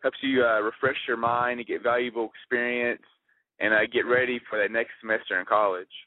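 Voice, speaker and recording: A man's voice: medium pitch, fairly even intonation, fairly quick, dry recording. A young man who is a regular on a radio show, rambling with many fillers. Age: young adult. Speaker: regular segment contributor. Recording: dry lo-fi radio broadcast.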